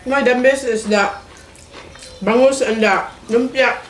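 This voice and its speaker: A cheerful Filipino-accented woman, a mom who explains each dish and nudges her child to eat. She sits back from the mic in a roomy space, so her slightly high voice sounds distant and echoey. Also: steady tone, measured pace, slight background noise. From Philippines. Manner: cheerful, explains the dishes, gently coaxes her son. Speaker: mother in a family food vlog. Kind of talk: casual mealtime chat on camera. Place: home dining table.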